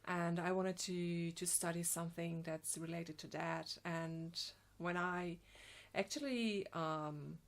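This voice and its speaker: Slow, hesitant Slovenian-accented woman. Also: on the low side, steady tone. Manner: hesitant, many ums and restarts. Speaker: graphic designer, guest. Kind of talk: casual interview answers.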